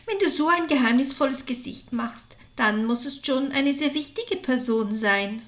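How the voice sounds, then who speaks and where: A woman voicing Maria, a gentle, devout village woman, speaking softly in a storybook reading. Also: high voice, normal speed, natural voice. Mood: curious. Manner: soft, wondering.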